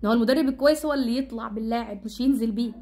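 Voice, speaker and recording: Egyptian woman, high-pitched vlogger, rapid exasperated ranting commentary. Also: warm tone. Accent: Egyptian Arabic.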